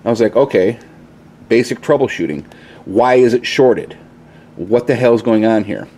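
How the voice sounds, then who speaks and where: A man with a warm, mid-range voice and lively intonation talks at normal speed. As host of a casual how-to vlog, he explains each step informally and with mild saltiness, recording on a handheld camera he holds while standing at a pickup truck in his home garage.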